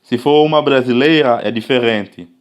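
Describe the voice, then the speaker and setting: A man from Africa giving a casual language lesson, patiently repeating and drawing out example phrases and often checking that listeners are following. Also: medium pitch. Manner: patient, repetitive, checks understanding with "tá vendo?"; slowly drawn-out example phrases. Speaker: language teacher.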